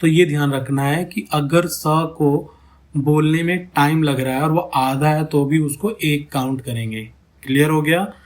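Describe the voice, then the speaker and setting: Man, teacher, slightly high pitch, patient step-by-step explaining, repeats example words slowly. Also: steady tone. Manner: checks in often with "theek hai" and "hai na". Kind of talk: ghazal meter lesson.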